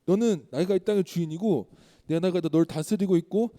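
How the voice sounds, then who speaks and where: A man's voice: high-pitched, brisk, warm tone, in a large hall, lightly acted. A man voicing God speaking out of a storm, commanding and stern, firing rhetorical questions in a children's sermon.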